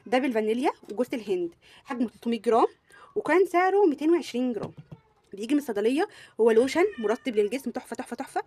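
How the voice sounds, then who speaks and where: A woman's voice: fairly high pitch, lively intonation, racing, mellow. A young woman with an Egyptian Arabic accent, gushing through a casual beauty product review and repeating words for emphasis. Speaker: beauty vlogger.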